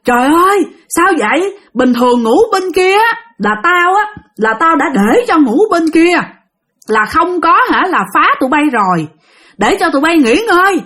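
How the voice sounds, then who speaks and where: Woman doing a shrill angry old soldier ghost. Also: big pitch swings, fairly quick, a bit bright. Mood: furious scolding. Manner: scolding, shrill and tearful.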